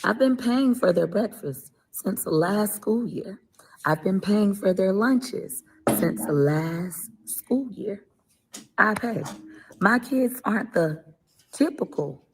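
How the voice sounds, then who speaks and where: A woman's voice: on the low side, darkish tone, slightly rough, poor audio. An angry mother ranting with heavy profanity and repeating her points. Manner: heated, profane, repeating herself. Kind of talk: angry rant in a video clip.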